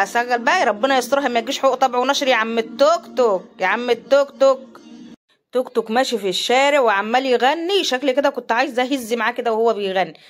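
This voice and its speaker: A middle-aged Egyptian woman who talks very fast in a playful, teasing way. Her voice sits a little high, and she jokes through a casual family vlog chat. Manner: lively, joking, teasing banter. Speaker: vlogger.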